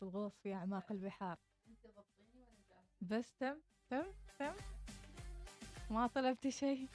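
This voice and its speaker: A woman's voice: medium pitch, darkish tone. Playful Omani woman hosting morning radio. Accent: Omani Arabic. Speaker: morning show host. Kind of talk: casual radio chat.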